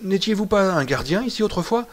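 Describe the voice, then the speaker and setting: A man plays a shaken drunk in a storybook. His words come out thick and slurred, and he keeps breaking off in the middle of phrases. His voice sits somewhat high. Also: animated. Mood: tipsy, unsettled. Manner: slurred, halting, stammering.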